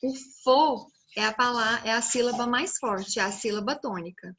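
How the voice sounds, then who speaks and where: A woman teacher with a Brazilian Portuguese accent recording a video lesson for children, speaking slowly and clearly and stretching out syllables as she explains. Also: on the high side, a bit bright, a little hiss or hum.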